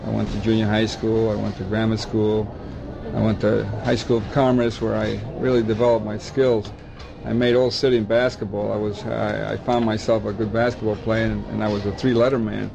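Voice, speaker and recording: Older male baseball scout from the Dominican Republic, gravelly voice, rambling interview answers. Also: on the low side, level tone, brisk, muffled recording, a crowd in the background. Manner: rambling, repeats words and restarts often. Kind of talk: oral history interview.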